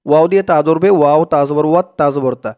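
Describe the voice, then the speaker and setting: A man teaching Quran reading, chanting verses slowly and then explaining the rules in quick speech. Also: on the high side, dark tone.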